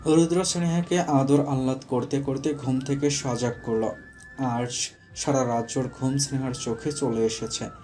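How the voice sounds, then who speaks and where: A man narrating a romantic audio story in a steady storytelling manner. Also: medium pitch, unhurried, faint music behind.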